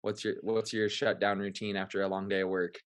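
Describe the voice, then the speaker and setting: A man hosting a webinar panel, relaxed and easygoing, with lots of ums. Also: lowish voice, fairly quick, smooth. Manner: relaxed, easygoing, filler-heavy. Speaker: webinar host. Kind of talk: casual hosting. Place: remote webinar call. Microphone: video call.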